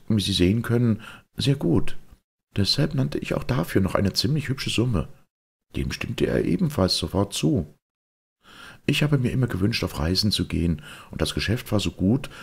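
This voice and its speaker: A man's voice: on the low side, gravelly, husky, pitched above the performer's own voice, exaggerated voice. A man voicing an indignant elderly lady of the house who tells her story fretfully and scolds her maid.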